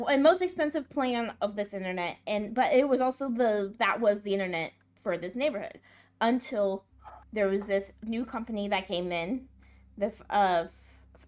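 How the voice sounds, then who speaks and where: A woman streaming a game, chatting and telling a rambling story with lots of filler words. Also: medium pitch. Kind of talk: casual gaming stream chat.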